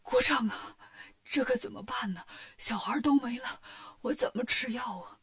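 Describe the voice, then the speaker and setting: A woman voicing a weak, gullible male king in a storybook, talking feebly in a breathy half-whisper. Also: a little high, moderate pace, fairly bright tone. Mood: feeble.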